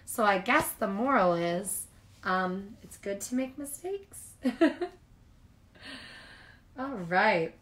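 Taking it slowly with long pauses, a mid-range female voice reads picture books to small children. Her style is expressive and casual, much like a childcare teacher's.

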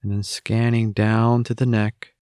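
Speaking very slowly in a fairly low, clear and resonant voice, a man leads a guided meditation with gentle instructions and long pauses. His delivery is flat. The recording is close and dry, with little sense of a room and no echo.

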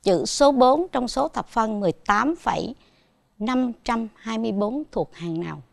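A woman's voice: fairly high pitch, animated, moderate pace, gravelly, dry recording. A woman with a Southern Vietnamese accent teaching a televised primary school math lesson, patiently asking her pupils questions as she goes.

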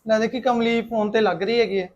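A man's voice: high-pitched, fairly even intonation, darkish tone, dull audio, slight background noise, natural voice. An actor playing a protective, practical man who talks firmly and reassures. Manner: brisk, firm, reassuring. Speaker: protective elder brother figure. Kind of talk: Punjabi web-series acting.

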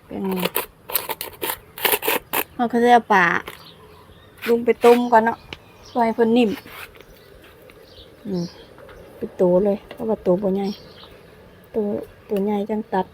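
A woman's voice: a little high, steady tone, measured pace, pauses often, darkish tone, a little hiss or hum. A woman from Laos with a Lao accent chats casually through a cooking vlog outdoors in the sun, laughing often, filmed on a camera by her niece. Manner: chatty, laughs often while talking. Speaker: cooking vlogger. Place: outdoors in sunshine.

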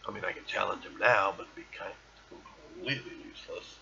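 Gravelly-voiced man narrating his gameplay. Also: deep voice, quick pace, bright, forceful tone, lo-fi sound, slight background noise. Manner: chatty, reads game text aloud, playful bravado. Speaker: podcast host. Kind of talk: casual gameplay commentary.

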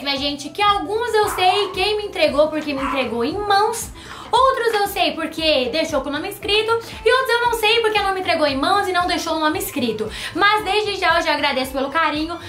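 A young woman vlogger, chatty and playful, talking to her viewers while opening gifts at home. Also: high voice. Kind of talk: casual gift-opening vlog. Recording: echoey room with music.

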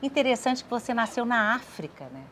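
A woman's voice: a little high, lively intonation, fairly quick, a bit bright. A woman interviewer asking brief, prompting questions of her guests. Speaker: interviewer, host.

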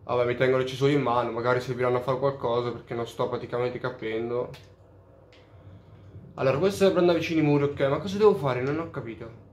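A man chatting through a let's play, cursing often and admitting out loud that he is lost. His pitch sits at an ordinary middle. The sound carries a noticeable room echo. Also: fast talker, slight background noise. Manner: profane, openly baffled. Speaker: gamer. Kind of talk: casual let's play commentary. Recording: roomy echo.

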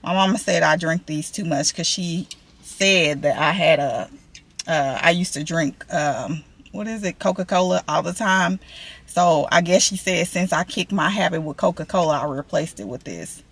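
A woman's voice: deep voice, moderate pace, gravelly, slightly rough. A woman, chatting casually to viewers from a parked car, rambling and calling them y'all. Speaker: vlogger. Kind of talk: casual vlog chat. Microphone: camera on dashboard.

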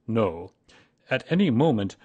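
A man's voice: fairly low pitch, sing-song, a little slow, a little mellow, breathy edge, dull audio, heavily acted. A man voicing a pompous, long-winded owl in a storybook reading, in a ponderous, wordy manner.

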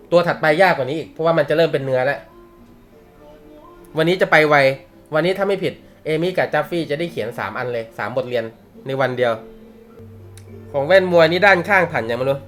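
Speaking in a fairly high, fairly bright voice, a young man runs a casual live manga class. His manner is chatty and playful, full of laughter, slang, and swearing.

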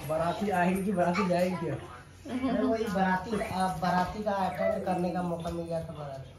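A woman's voice: fairly low pitch, measured pace, pauses often. A woman chatting casually and joking with family. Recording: echoey room, loud music.

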